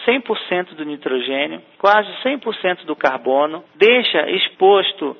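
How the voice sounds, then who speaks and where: Male researcher, gravelly, slightly high, phone-line sound. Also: lively intonation. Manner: explanatory, lists items with pauses. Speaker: agricultural researcher. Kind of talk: interview answers. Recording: tinny phone-like line with reverb.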